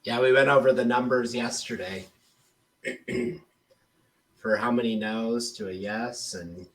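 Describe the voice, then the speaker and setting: A man's voice: medium pitch, slow. A man hosting a casual chat, conversational, laughing easily. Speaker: host. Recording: distant from the mic.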